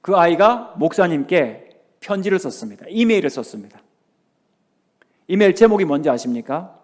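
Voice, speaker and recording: A man's voice: high voice, sing-song, normal speed, a little mellow. A male pastor preaching a revival sermon in a church, asking the congregation questions and acting out what others say. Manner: acts out quoted voices, asks the congregation questions. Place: church sanctuary.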